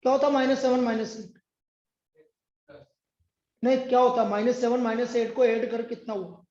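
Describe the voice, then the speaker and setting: A man's voice: very high-pitched, fairly even intonation, moderate pace, a little mellow. A man teaching a math class, scolding and sarcastic as he presses a student for answers. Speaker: math tutor. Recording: echoey room, dull sound.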